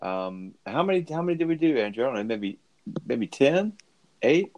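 A man's voice: mid-range voice, big pitch swings, moderate pace, darkish tone, muffled recording. A man hosting a podcast, laid-back and chuckling in casual chat. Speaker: podcast host.

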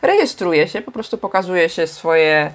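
A woman's voice: fairly low pitch, expressive, normal speed. A woman co-hosting a podcast, chatting casually and thinking aloud with fillers. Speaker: podcast co-host.

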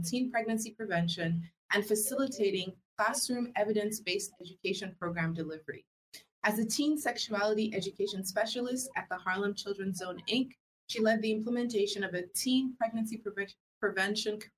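A woman hosting an interview show in a measured, deliberate style. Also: mid-range voice, a little hiss or hum, rough recording.

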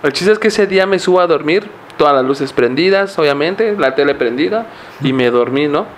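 A man's voice: a little high, lively intonation, a little fast, slight background noise. Rambling young Mexican man telling a story. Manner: rambling, full of fillers and slang. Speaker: podcast co-host. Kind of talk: casual storytelling chat.

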